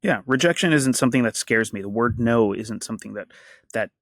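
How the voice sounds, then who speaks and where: A man's voice: mid-range voice, a little fast, a bit bright, dry recording, studio quality. A man from the Washington, D.C. area, a guest in an interview, speaking earnestly and reflectively in long lists. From Washington, D.C. area, USA. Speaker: guest, actor and activist. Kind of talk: conversational interview.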